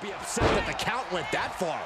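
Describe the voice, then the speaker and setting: A man acting as an excitable wrestling commentator calling moves in a video game. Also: high voice, brisk. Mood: excited. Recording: loud crowd and noisy arena sound. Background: roaring crowd and ring slams.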